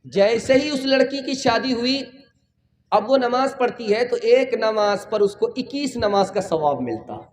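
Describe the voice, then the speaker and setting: Speaking in an extremely high, expressive voice, a man gives an impassioned religious sermon to a public gathering. He keeps repeating phrases and calls on the audience to lift their hands.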